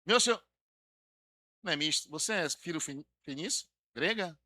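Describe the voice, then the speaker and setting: Man, pastor mid-sermon; high register, very bright tone, soft-to-loud dramatic delivery. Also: animated, normal speed. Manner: dramatic preaching, acts out quoted voices, swings between soft and loud.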